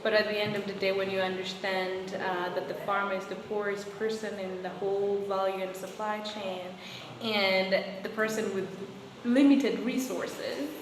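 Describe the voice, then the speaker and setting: Soft-spoken young Rwandan woman, echoey room. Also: medium pitch. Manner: thoughtful, with many fillers and restarts. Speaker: guest, coffee quality controller and roaster. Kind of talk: interview answers. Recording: echoey room with loud background noise.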